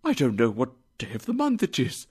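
A man voicing an old male miser who cries out in an excitable, exclamatory way. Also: fairly high pitch, a little slow, gravelly, heavily acted. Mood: giddy.

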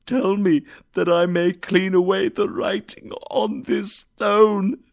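A man voicing an old male miser who cries out in an excitable, exclamatory way. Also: on the high side, a little slow, gravelly, full character voice. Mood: pleading.

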